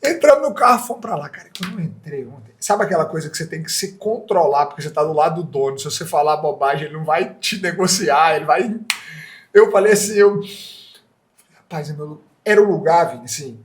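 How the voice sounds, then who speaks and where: A man's voice: fairly high pitch, fast talker, slight background noise. A man with a Brazilian Portuguese accent, an entrepreneur telling a story in a casual interview and acting out the dialogue. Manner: animated, acts out dialogue in quoted voices. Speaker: franchise entrepreneur guest.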